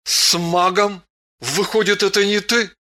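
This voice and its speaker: A woman's voice: mid-range voice, steady tone, measured pace, bright, forceful tone, pitched above the performer's own voice. A woman reading an audiobook, voicing an earnest, restless young male warrior pilot who keeps asking questions.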